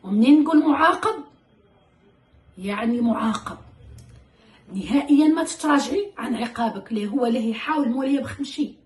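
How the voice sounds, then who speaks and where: A woman talks quickly and animatedly in a fairly high, mellow voice, acting out her lines to a child as she gives parenting advice. The sound is echoey, like a bare room. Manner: animated, addresses listener as "darling", acts out her own dialogue with the child. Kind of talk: casual advice talk to mothers.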